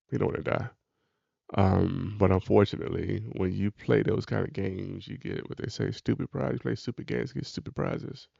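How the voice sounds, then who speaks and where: A man's voice: lowish voice, vocal fry, warm tone, dry recording, dull audio. A man giving casual, colloquial reaction commentary in an exasperated, preachy way.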